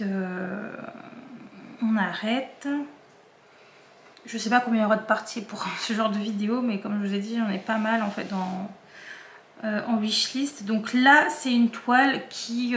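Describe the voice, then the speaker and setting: A woman's voice: medium pitch, a bit bright, echoey room, slight background noise. A woman with a regional French accent, chatting casually to her viewers about diamond painting kits, often hesitating with fillers and restarts.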